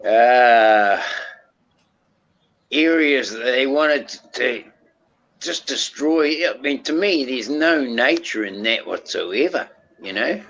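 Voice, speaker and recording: A man's voice: mid-range voice, expressive, takes it slowly, a bit bright. A man in a casual livestream chat who speaks hesitantly and swears offhandedly, on a dull lo-fi line.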